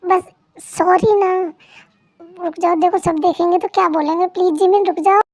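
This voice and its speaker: A woman's voice: very high voice, steady tone, normal speed, darkish tone, dry recording, studio quality. A woman voicing a remorseful young husband who keeps apologizing and pleading, in a Hindi fan dub.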